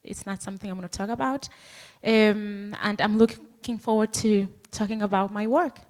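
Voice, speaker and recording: A woman's voice: medium pitch, fairly even intonation, normal speed, a little mellow. Informal woman from Denmark. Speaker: panel participant, lawyer and activist.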